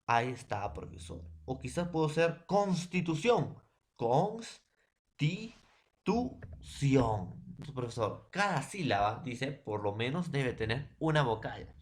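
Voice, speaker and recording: A man's voice: medium pitch, animated, moderate pace, hardly any pauses. A man from Peru teaching a secondary school language class, explaining patiently and repeating his points, with frequent tag questions and fillers. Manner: repetitive, fills every phrase with tag questions and addresses. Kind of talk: recorded online class lecture.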